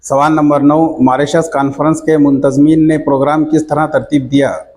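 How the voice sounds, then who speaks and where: A male teacher reading out textbook questions and their answers in a slow, measured dictation manner. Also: a little high, flat delivery, a little mellow.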